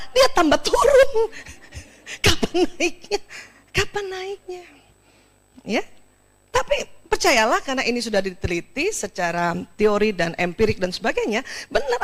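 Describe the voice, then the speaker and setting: A woman speaks at an Islamic study session, her voice sitting high and swinging widely up and down. She talks straight to the women listening and laughs easily as she goes. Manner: expressive, laughs often, speaks directly to listeners. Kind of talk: lively talk to an audience of women.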